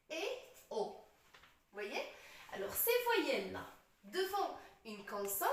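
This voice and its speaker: A woman's voice: high voice, a bit bright, slight background noise. A woman teaching French grammar step by step, patiently repeating each point and checking that the class follows. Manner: patient, repeats points and asks "vous voyez?". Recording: echoey room, voice from a distance.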